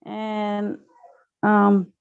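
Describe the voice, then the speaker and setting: A woman's voice: mid-range voice, completely flat delivery, very slow, creaky, smooth, dry recording, phone-quality sound. A woman from Senegal with a Senegalese accent, a teacher speaking off the cuff in a group class, hesitant, repeating words and often saying "okay". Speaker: teacher taking part in an online training. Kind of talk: unscripted comment in a group class.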